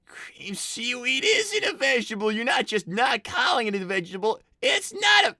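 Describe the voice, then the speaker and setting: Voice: mid-range voice, sing-song, normal speed, pushed and bright, no echo, studio quality. A performer voicing Tails's kind of character, an exasperated young male cartoon fox who stammers and argues while hosting an improvised live stream. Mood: agitated. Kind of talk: improvised in-character chat, reading donations.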